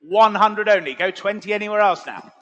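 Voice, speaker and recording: A man's voice: high-pitched, brisk, a bit bright, lo-fi sound. A man working as an auctioneer, calling bids in a repetitive chant. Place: large auction sale room. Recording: long echoing hall reverb.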